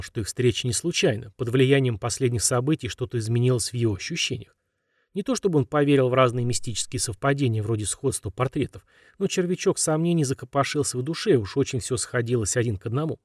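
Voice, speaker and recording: A man narrating a novel as an audiobook in an even, measured reading, also giving the male lead's lines in a voice close to his own. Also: mid-range voice, no echo. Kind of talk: scripted narration of a crime novel.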